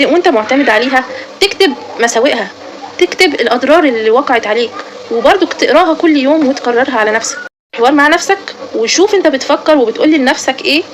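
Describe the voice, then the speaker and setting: Egyptian woman vlogger, talks super fast, earnest coaching advice, highish voice. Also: a little hiss or hum. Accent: Egyptian Arabic. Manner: earnest, coaching, addresses listener directly. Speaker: self-help vlogger. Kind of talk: advice talk to camera.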